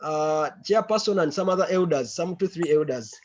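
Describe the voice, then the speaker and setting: A man's voice: fairly high pitch, expressive, normal speed, a little mellow. A man briefs colleagues on a conference call, often repeating words and phrases as he recounts. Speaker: member of an organisation reporting to a meeting. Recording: muffled online conference call audio.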